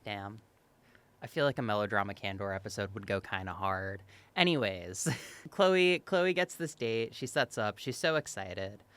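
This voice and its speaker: A podcast co-host in casual, animated chat who laughs often and swears offhandedly. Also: deep voice, normal speed, clear, resonant tone, dry recording.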